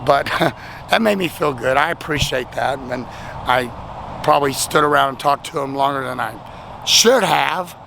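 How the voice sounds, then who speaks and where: On a low-quality recording full of outdoor traffic noise, a vlogger thanks his viewers from a highway rest stop, his voice hoarse and nearly lost after a weekend of talking. It's medium-pitched, creaky, bright and forceful at a measured pace as he rambles and pokes fun at himself.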